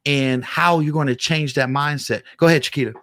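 A man's voice: a little high, fairly even intonation, brisk, a bit bright, dry recording. A man co-hosting a motivational talk, preaching in emphatic, repetitive phrases. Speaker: co-host.

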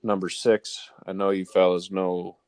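A man's voice: low-pitched, little pitch movement, measured pace, a little mellow, clean tone, no echo, studio quality. A man giving a casual countdown of sports nicknames to co-hosts, announcing each ranked number and then the name. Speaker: sports talk show panelist presenting a list.

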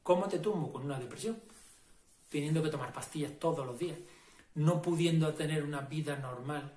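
A man's voice: a little high, brisk, darkish tone, echoey room. A man giving a casual motivational talk as a self-help and meditation guide, emphatic and repetitive, often checking in with the listener. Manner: emphatic, repetitive, asks "¿no?" and "¿vale?".

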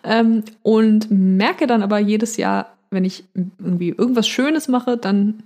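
A woman co-hosting a casual podcast, musing hesitantly with many pauses. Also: medium pitch, dark tone. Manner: hesitant, many fillers, reflective. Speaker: podcast co-host. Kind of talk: casual chat.

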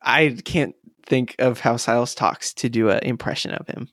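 A man's voice: medium pitch, normal speed, fairly bright tone, dry recording, clean studio sound. A man co-hosting a podcast, reading a friend's story aloud and teasing him between passages. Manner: teasing, joking. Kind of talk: casual reading with banter.

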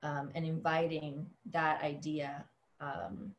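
Low-voiced thoughtful woman from the Dominican Republic. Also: flat delivery, slow. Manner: thoughtful, many fillers and restarts. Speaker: dance teacher and choreographer. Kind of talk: panel discussion.

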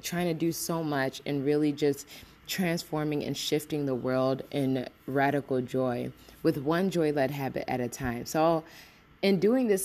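A woman's voice: deep voice, a little mellow. A woman hosting a motivational podcast, talking in an upbeat, encouraging way with frequent laughs, recorded muffled under a blanket. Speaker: podcast host.

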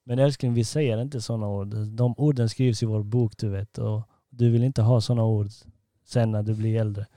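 A man in his thirties from Serbia hosts a relaxed podcast chat in his own home. He tells family stories with frequent laughter, in a dry, close-sounding recording. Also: lowish voice, few pauses, no room sound. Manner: laughs often while telling stories. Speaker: podcast host. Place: living room at home.

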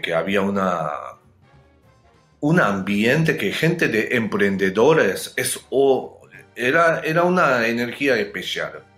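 A Japanese man speaks Spanish as a second language with a Japanese accent, slowly and haltingly searching for words and laughing often as a guest in a casual interview. His voice is fairly low and fairly bright, with roomy sound.

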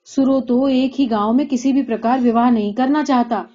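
A woman's voice: sits high, steady tone, warm tone, voice pushed up, close to an everyday voice. A woman voicing a kindly middle-aged mother who reasons patiently in a storybook reading. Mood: reasoning. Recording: dull lo-fi recording.

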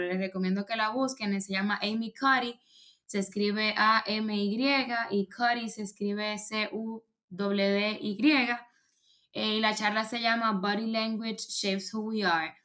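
A medium-pitched woman gives public speaking coaching during an easygoing talk, going on at length and frequently using fillers and starting over. The tone is that of a casual advice chat.

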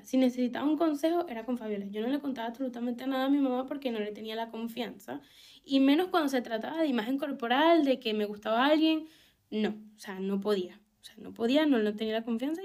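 High-voiced Venezuelan woman, frank storyteller. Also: darkish tone. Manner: frank and emphatic, repeats phrases, swears casually. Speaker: vlogger. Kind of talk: candid personal storytelling.

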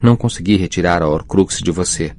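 A man voicing a caring teenage girl who speaks gently and with concern. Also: sits low, brisk. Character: anxious caring young witch, teenage girl friend.

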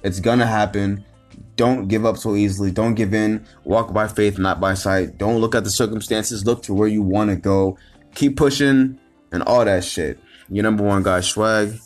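A man with a fairly low voice delivers an unscripted motivational rant, swearing constantly and circling back over the same points. He restarts his sentences and pushes into loud, frustrated bursts of emphasis. Faint music plays behind him. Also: steady tone, moderate pace. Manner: profane, repetitive and rambling, with frequent restarts. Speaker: motivational vlogger.

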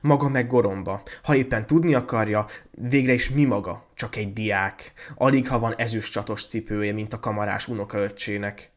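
A man's voice: fairly low pitch, level tone, few pauses, a bit bright, close to an everyday voice. A man voicing a haughty young woman, a professor's daughter, speaking scornfully. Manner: scornful, dismissive.

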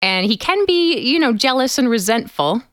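A woman's voice: on the high side, big pitch swings, normal speed, clean tone, no room sound, studio quality. A woman co-hosting a casual podcast, explaining things at length and laughing often. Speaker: podcast co-host.

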